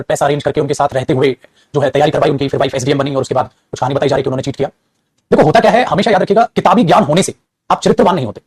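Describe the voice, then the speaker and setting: A man's voice: on the high side, darkish tone, slightly rough, dry recording. A man teaching English grammar in a classroom, explaining patiently and calling his students "child", with some moral advice. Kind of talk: classroom lecture.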